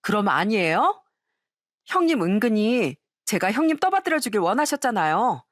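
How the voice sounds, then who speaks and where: A woman's voice: medium pitch, sing-song, moderate pace, no echo, clean studio sound. Woman voicing a sneering, snooty sister-in-law. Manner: mocking, condescending.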